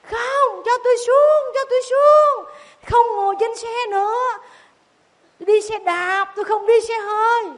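A woman doing a shrill frightened little boy. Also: moderate pace. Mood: panicked pleading. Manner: shrill, pleading cries.

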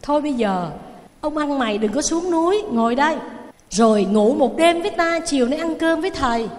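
A woman with a Southern Vietnamese accent voicing a calm, wise old male spiritual master who speaks gently and slowly, in a long reverberant hall. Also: sits high. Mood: gentle.

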